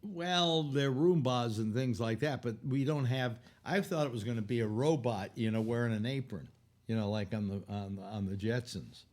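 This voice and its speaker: A man's voice: mid-range voice, moderate pace, a little mellow. A man in his eighties hosting a casual chat show, rambling and wry, often restarting his sentences. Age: 80s. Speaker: host.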